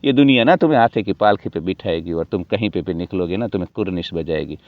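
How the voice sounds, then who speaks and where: A man delivering a sarcastic, preachy motivational monologue, swinging between loud outbursts and low mutters. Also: expressive, fast, no echo. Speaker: motivational video creator. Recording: dull dry recording.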